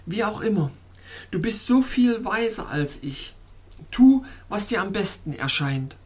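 A woman's voice: mid-range voice, big pitch swings, measured pace, pitched above the performer's own voice. A woman voicing a sorrowful, anxious young fairy princess in a storybook reading, with a pleading, tremulous murmur. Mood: resigned.

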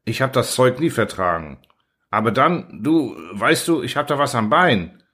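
A man reading a hungover, self-pitying and somewhat pompous man stuck in bed, in a plaintive, higher voice. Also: lively intonation, moderate pace, a bit bright, slightly rough.

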